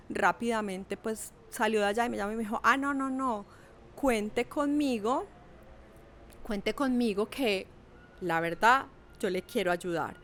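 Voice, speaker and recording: A middle-aged woman, telling a personal story in a lively, animated way with acted quotes. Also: medium pitch, slight background noise. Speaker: podcast guest. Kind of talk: casual storytelling.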